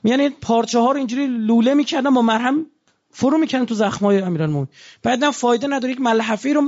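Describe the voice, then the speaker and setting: A man's voice: very high-pitched, a little mellow, highs cut off. A man preaching a religious sermon in a conversational way, asking his listeners rhetorical questions.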